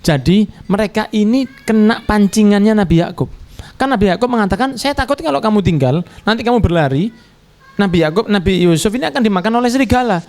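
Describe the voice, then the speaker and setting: A middle-aged man preaching a storytelling sermon, acting out the characters' lines with shifting pitch. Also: lively intonation, quick pace, a little mellow.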